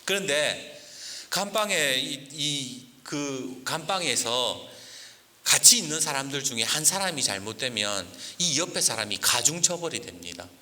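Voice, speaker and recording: Forceful, bright-voiced male pastor preaching. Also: mid-range voice, measured pace. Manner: lively, acts out quoted voices. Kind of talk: storytelling sermon. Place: church sanctuary. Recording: church hall reverb, faint hiss.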